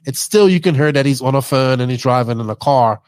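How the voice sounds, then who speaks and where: A man's voice: mid-range voice, brisk, a little mellow, clear, resonant tone, no echo. A man with a toned-down Bermudian accent, talking informally and at length as a podcast host. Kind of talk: casual podcast talk.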